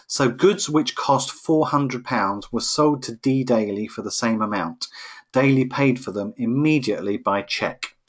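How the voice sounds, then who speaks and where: A man's voice: mid-range voice, measured pace. A man tutoring accounting in a live online lesson, explaining each step patiently over a computer microphone. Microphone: computer microphone on a webinar.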